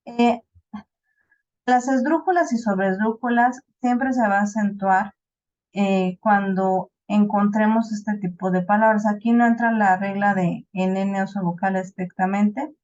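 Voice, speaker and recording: A woman's voice: medium pitch, fairly even intonation, a little mellow. Woman, Mexican accent, teacher, patient class explanation, frequent check-ins, dull muffled recording. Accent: Mexican Spanish. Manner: explains slowly with many "¿no?" checks and restarts. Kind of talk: online class lecture.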